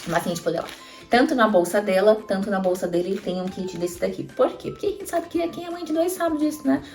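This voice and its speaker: A Brazilian-accented mother in her thirties shows off travel items in a chatty vlog, offering casual show-and-tell tips and speaking straight to viewers with frequent tag questions. She talks fast in an animated, mid-range, darkish voice, recorded from a distance in an echoey room with faint music.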